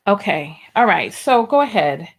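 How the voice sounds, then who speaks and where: A woman's voice: mid-range voice, very animated, normal speed, gravelly, slightly rough. A woman hosting a live call-in show in a casual, chatty style.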